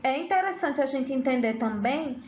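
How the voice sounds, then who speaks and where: A woman's voice: high voice, animated, moderate pace, darkish tone, highs cut off, slight background noise. A woman teacher giving an online grammar lesson, asking her students questions and answering them herself.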